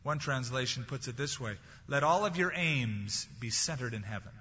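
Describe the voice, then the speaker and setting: A man's voice: mid-range voice, moderate pace, pushed and bright, slightly rough. A male pastor preaching a sermon in a conversational way, quoting scripture and telling light anecdotes. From California. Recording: dull recording in a large reverberant hall.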